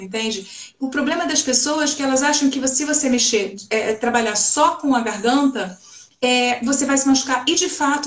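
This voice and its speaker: A woman's voice: sits high, echoey room. A woman speech therapist with a Rio de Janeiro accent, explaining voice technique in a conversational interview and demonstrating examples. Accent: Rio de Janeiro Portuguese.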